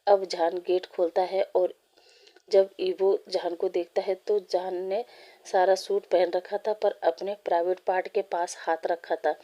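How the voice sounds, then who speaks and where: A woman reading a fan story aloud, in a steady, plain way with small slips. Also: lowish voice, measured pace.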